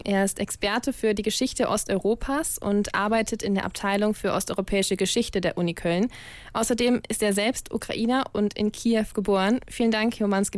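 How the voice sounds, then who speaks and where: A woman hosting a show and interviewing a guest in clear, steady questions. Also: mid-range voice, dry recording. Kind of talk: scripted interview moderation.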